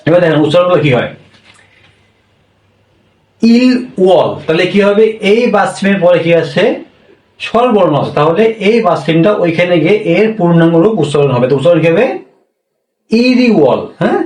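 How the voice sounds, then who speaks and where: A man's voice: high voice, expressive, darkish tone. Echoey, distant male language teacher. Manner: slow, repetitive, checks with "হ্যাঁ?". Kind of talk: classroom language lesson. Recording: echoey room, voice from far off.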